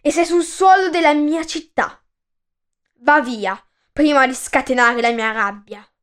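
A stern commanding king, played by a woman reading a myth, speaks firm, threatening warnings. His voice sits fairly high. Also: animated, unhurried. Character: King Pelasgo, stern commanding male ruler.

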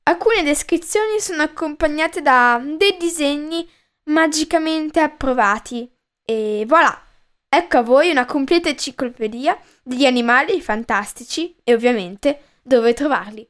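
A woman's voice: high voice, expressive, measured pace, a bit bright. A woman hosting a podcast, reading a book aloud with playful asides.

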